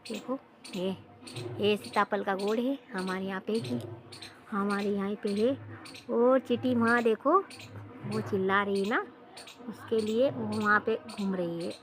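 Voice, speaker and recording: A woman's voice: mid-range voice, measured pace, long pauses. Chatty woman showing round her home. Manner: chatty, repeats phrases, talks straight to viewers. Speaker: home vlogger. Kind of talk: casual home tour vlog. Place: home and garden, outdoors.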